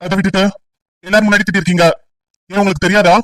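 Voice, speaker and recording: A man playing a stern police officer and father in an amateur audio drama, brisk and lecturing. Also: high voice, level tone, far from the mic, lightly acted, low-quality recording. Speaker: police officer leading an enquiry.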